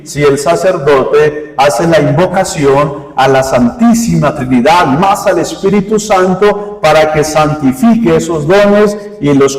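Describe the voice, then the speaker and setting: Priest giving a homily, keeps quizzing the flock. Slow, a touch high, heard from afar in a roomy church. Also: male voice, a little mellow. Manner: quizzes the congregation with rhetorical questions. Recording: echoey church hall from far off.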